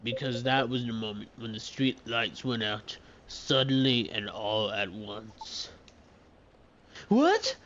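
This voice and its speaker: A man reading a game's lines as a gruff father and night guard, telling a spooky story with slow, dramatic emphasis. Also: on the low side, steady tone, noisy background, natural voice. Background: loud game music.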